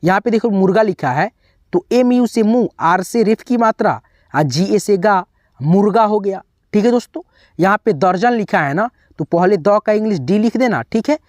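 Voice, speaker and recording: A man's voice: high voice, expressive, moderate pace, a little mellow, no echo. Guy teaching spelling to beginners, goes letter by letter, keeps checking in, dry close sound. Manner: patient, spells words out letter by letter; keeps saying "okay, friends".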